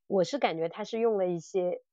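This podcast co-host's voice is on the low side, warm, and a little fast, captured on a muffled recording with no room sound. Talking casually about audio dramas, she circles back and repeats phrases to work out her point.

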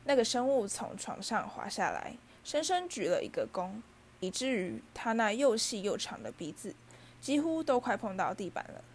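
A woman reading a storybook aloud as narrator, in a steady, even manner. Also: fairly high pitch, moderate pace, slight background noise. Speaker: audiobook reader.

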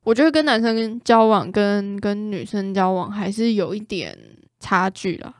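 Taiwanese girl just chatting, blunt and informal, mid pitch, pretty dry close sound. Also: moderate pace, no echo. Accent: Taiwanese Mandarin. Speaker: guest sharing relationship stories. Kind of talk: casual chat.

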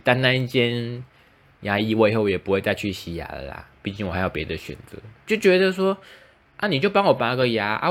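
A man's voice: fairly low pitch, a bit bright. A young man with a Taiwanese Mandarin accent chatting casually on his own podcast, self-mocking and acting out the dialogue in his stories. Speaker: podcast host. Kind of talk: casual solo podcast chat.

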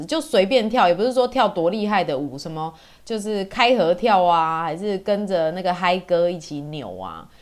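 A woman in her forties from Taiwan with a Taiwanese Mandarin accent, telling personal stories as a podcast host in a chatty, colloquial way. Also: on the low side. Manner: chatty, colloquial, with sentence-final particles. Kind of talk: casual personal storytelling.

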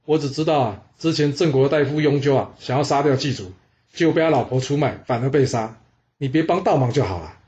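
A man's voice: medium pitch, brisk, darkish tone, lo-fi sound, lightly acted. A man voicing a scheming male court official in a storytelling recording, scoffing and secretive.

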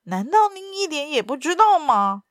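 A woman voicing a sharp, determined young male detective in a read-aloud story, firing off probing questions. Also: sits high, very animated, normal speed, dry recording, studio quality, voice pushed up.

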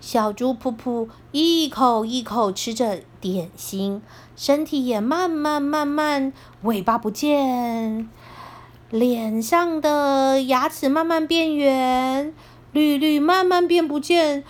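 A woman narrating a children's story in an animated, sing-song way. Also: sits high, slow pace.

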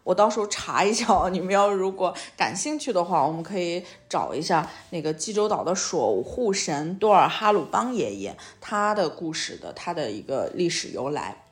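Her voice lowish and sing-song, a language teacher hosts a casual interview with a young child at a moderate pace with hardly any pauses. She uses short questions and repetition as prompts and slips foreign words into what she says.

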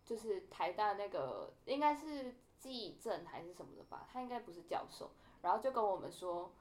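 A woman's voice: mid-range voice, very animated, moderate pace, darkish tone. A young woman telling a story in a casual podcast chat, animatedly acting out the quoted dialogue. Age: young adult. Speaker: podcast co-host.

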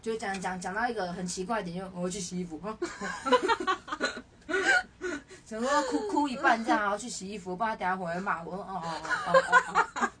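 A woman's voice: medium pitch, very fast, hardly any pauses, fairly bright tone. A young woman co-hosting a podcast, telling stories in casual chat and laughing often. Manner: chatty storyteller, laughing often. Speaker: podcast co-host. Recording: distant mic with faint noise.

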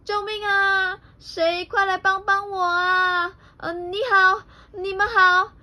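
A woman voicing a big, playful, clumsy male bear in a picture book read-aloud, loud and overexcited. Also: mid-range voice, big pitch swings, slow. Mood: panicked pleading. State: crying out in panic.

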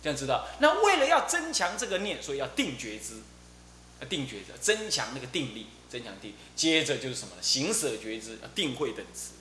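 A middle-aged man, giving a Buddhist dharma talk as abbot and telling stories in a lively way, often repeating his fillers. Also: medium pitch, fairly quick. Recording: roomy echo with faint hum.

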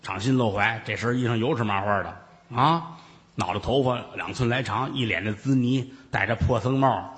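A man telling a traditional Chinese story in a lively, animated way, swinging high and low. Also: moderate pace, in a large hall.

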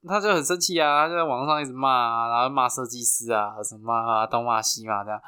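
A man with a Taiwanese Mandarin accent hosting a podcast, telling stories in a chatty, halting way full of restarts. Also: mid-range voice, sharp tone, clean tone. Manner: chatty, halting with frequent restarts and fillers, laughs at his own stories. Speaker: podcast host. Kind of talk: casual storytelling.

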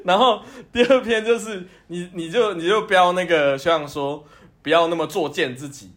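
A man with a Taiwanese Mandarin accent trades crude banter on a podcast, his voice sitting high for a man. He swears freely, laughs between lines and plays out the people in his stories. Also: moderate pace, a bit bright. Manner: laughs often, swears freely, acts out quotes. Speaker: podcast co-host.

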